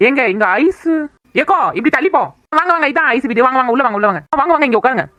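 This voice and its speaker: Cartoon busybody, a young village woman, quick and scolding, played by a woman. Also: sits high, animated, a bit bright, dry recording. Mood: welcoming. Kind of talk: cartoon voice acting.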